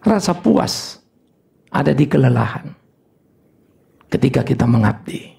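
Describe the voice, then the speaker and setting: An older male pastor preaching a sermon, telling stories in an animated way with sudden high exclamations. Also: unhurried, vocal fry.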